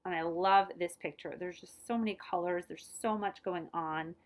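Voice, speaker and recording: With a lowish voice and a moderate pace, a woman performs a children's picture book, reading it in a dramatized, expressive style. She tends to go hushed at the ends of phrases and tosses in short side comments.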